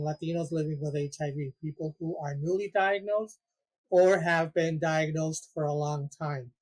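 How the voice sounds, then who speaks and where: A man from Puerto Rico speaks in an earnest, measured way as a guest, describing the support group he runs. His voice sits a little high. His pitch barely moves. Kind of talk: interview answers.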